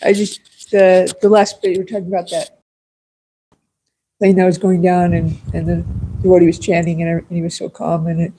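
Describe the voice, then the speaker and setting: High-pitched, mellow man speaking casually. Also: little pitch movement, moderate pace, slight background noise, poor audio. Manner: rambling, informal. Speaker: class participant sharing a comment. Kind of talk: casual spoken reflection.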